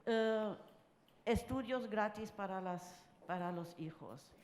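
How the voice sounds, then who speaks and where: An older woman from France speaking at a round-table panel, halting and full of filler sounds. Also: mid-range voice, a little mellow. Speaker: conference panelist. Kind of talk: personal talk at a round table. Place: conference hall. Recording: roomy conference hall sound.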